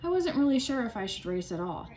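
Expressive woman reading a storybook. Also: on the high side, quick pace, a little hiss or hum, rough recording. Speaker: parent volunteer and substitute teacher. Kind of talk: reading a children's chapter book aloud.

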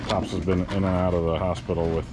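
A man's voice: low voice, flat delivery, fast. A young man chatting casually and upbeatly, commenting on a model railroad building and asking questions. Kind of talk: casual chat on a hobby video. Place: garage and train room, indoors. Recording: noisy home video audio.

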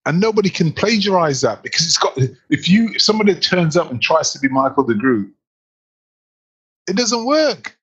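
A man co-hosting a podcast as a speaking coach, talking in an animated, emphatic way with lots of rhetorical questions. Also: on the high side, normal speed, breathy edge, highs cut off. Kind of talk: casual podcast chat.

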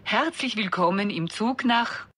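A woman reading onboard train announcements in a formal, even delivery. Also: mid-range voice, measured pace, slightly rough.

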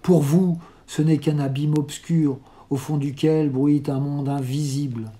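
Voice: mid-range voice, steady tone, unhurried, warm tone, lightly acted. A reader voicing a proud young son who scorns his blind brother, in a disdainful, dismissive tone within a storybook reading. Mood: scornful.

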